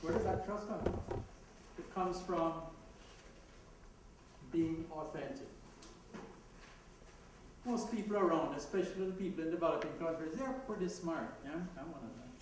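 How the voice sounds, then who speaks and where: At a conference, a Jamaican-accented man talks conversationally at normal speed, pausing often, his slightly high voice carrying a darkish tone. He laughs at his own asides. The recording is echoey and distant-miked, with background noise in the hall.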